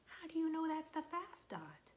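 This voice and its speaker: A young children's librarian reads a picture book aloud to small children, gentle and patient, asking them questions and waiting for their answers. Her very high voice is sing-song and moves at a normal speed.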